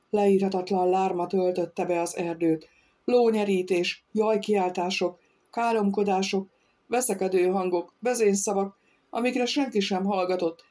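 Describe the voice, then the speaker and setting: Reading from a script, a woman narrates an audiobook in an even, measured storytelling voice of medium pitch.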